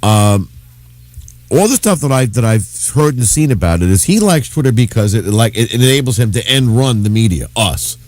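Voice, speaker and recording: Animated man chatting politics on radio. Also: mid-range voice, normal speed, dry recording. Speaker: radio commentator on the show. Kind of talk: casual political chat.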